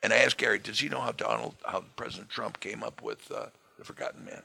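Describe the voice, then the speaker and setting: A hoarse man speaking as a guest in a political interview, leaning hard on his key words. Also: fairly low pitch, fast talker, pushed and bright. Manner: emphatic, punches key words.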